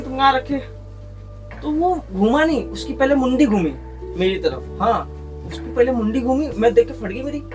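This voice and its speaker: A young man with a Mumbai Hindi accent tells a ghost story in lively, crude street slang. His voice sits high and picks up some distance from the mic. Music plays clearly underneath. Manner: animated, slangy, crude humor. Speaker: podcast storyteller. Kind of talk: casual horror storytelling.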